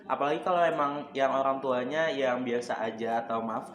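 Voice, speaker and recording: A young man co-hosting a casual chat in a teasing, jokey way, with soft slurred r sounds. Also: mid-range voice, fairly even intonation, moderate pace. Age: young adult. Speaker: podcast co-host. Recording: echoey room, voices around.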